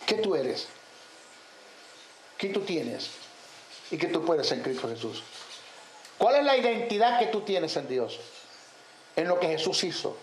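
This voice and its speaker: High-voiced preacher teaching emphatically. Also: male voice, sing-song, unhurried, pauses often. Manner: fires rhetorical questions, lists terms, emphatic. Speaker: Bible teacher. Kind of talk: theological teaching sermon. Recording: echoey room, faint background noise.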